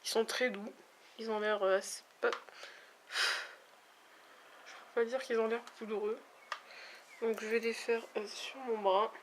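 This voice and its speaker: A woman's voice: fairly high pitch, little pitch movement, slow, pauses often, slight background noise. A woman reviewing a makeup palette in a casual vlog, talking in a hesitant, chatty way with many fillers. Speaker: beauty vlogger. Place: at home, near a window with backlight.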